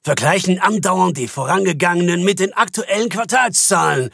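A man voicing a harsh, irritable bank CEO who speaks in a curt, scornful way, with a husky voice. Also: sits high, moderate pace, fairly bright tone, no echo, studio quality, pitched above the performer's own voice, full character voice.

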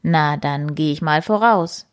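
Woman voicing a big calm papa tomcat. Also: deep voice, measured pace. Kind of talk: children's story reading.

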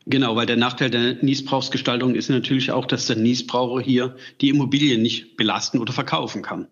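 A man's voice: mid-range voice, fairly even intonation, a little fast, highs cut off. A man explaining tax details matter-of-factly as a podcast guest expert.

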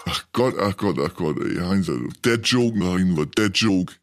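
A man trading absurd comedy banter with deadpan, teasing remarks. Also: deep voice, normal speed. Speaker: comedy duo partner.

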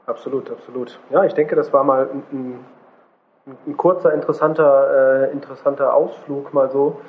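A man interviewing a guest, halting and repeating words as he searches for phrasing, heard on an old low-quality recording. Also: steady tone. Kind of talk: conversational interview. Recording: dull old recording with faint noise.

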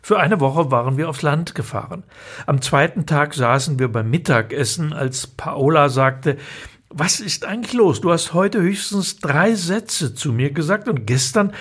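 A man's voice: on the high side, fairly bright tone, husky. A man reads his own humorous column aloud, telling it in a dry, ironic way and acting out the quoted lines. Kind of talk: expressive reading of a humorous column.

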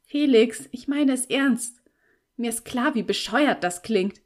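A woman's voice: on the high side, slow, pitched above the performer's own voice. Woman voicing a flustered, stubborn teenage girl. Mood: earnest. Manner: raised, earnest, pleading. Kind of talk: audiobook reading.

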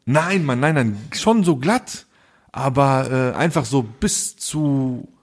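A man's voice: mid-range voice, animated, takes it slowly. A man co-hosting a podcast, telling a story in a casual, slangy way and acting out both sides of the dialogue. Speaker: podcast co-host.

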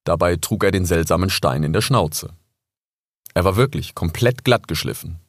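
A man with a low voice narrates an animal adventure. His delivery is animated and expressive, with lively pitch swings. The sound is close and dry. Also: moderate pace, no echo. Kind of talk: audiobook story narration.

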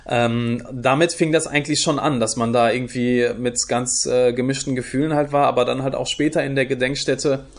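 A young man from Germany talks his way through interview answers, thinking as he goes. He stops often, restarts and fills pauses. His voice sits at a middle pitch. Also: fairly even intonation. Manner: thoughtful, many fillers and restarts. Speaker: guest, youth project leader.

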